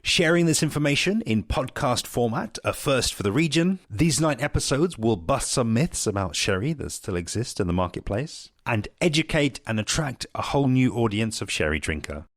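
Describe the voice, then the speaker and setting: A man hosting a podcast, reading a scripted introduction in a smooth, even delivery. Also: medium pitch, normal speed, hardly any pauses, no echo, studio quality. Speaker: podcast host.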